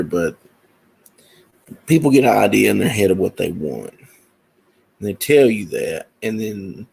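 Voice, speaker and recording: A musician and comic creator talks casually to camera, rambling about his music and projects with plenty of filler words. His voice sits fairly low and sounds gravelly, slightly rough, and a little mellow.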